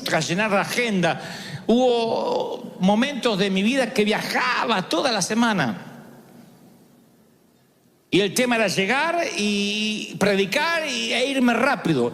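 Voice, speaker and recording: A man's voice: sits high, fairly bright tone, in a large hall. A middle-aged man with an Argentine Spanish accent preaching a sermon, dramatic storytelling that acts out voices. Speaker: pastor.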